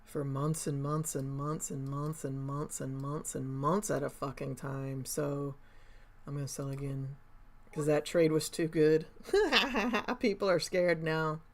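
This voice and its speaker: A middle-aged woman, commenting casually on her live trades, chatty and excitable, swearing and laughing at her own moves. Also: low voice, slow. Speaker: day trader livestreaming.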